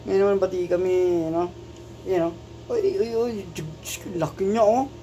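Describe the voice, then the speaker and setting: Woman cooing at her cat, mellow voice. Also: lowish voice, normal speed. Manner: doting, coaxing baby talk to a cat. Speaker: pet owner filming her cat. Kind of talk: casual talk to a pet. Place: at home indoors. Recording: dull lo-fi home video with faint noise.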